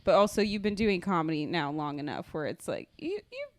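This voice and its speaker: A woman's voice: lowish voice, big pitch swings, brisk, dry recording, studio quality. A woman co-hosting a comedy podcast, chatting casually and eagerly and agreeing readily with the others. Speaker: podcast co-host.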